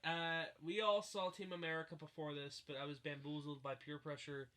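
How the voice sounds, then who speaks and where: A young man co-hosting a casual podcast chat, joking and cutting in with quick asides. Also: fairly high pitch, little pitch movement, a bit bright. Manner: joking, talks over others with quick asides. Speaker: podcast co-host.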